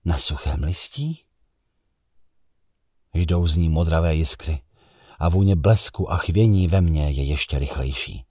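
A man narrating a literary novel in the first person, measured and tense in delivery. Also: extremely low pitch, dark tone, no echo, clean studio sound. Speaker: audiobook narrator.

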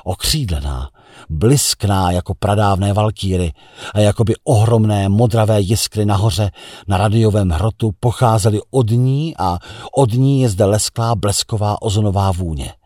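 A man narrates a first-person novel in a very low, husky voice. The recording is dry and close, with no room sound. His delivery is measured and tense. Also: warm tone, dry recording. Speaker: audiobook narrator.

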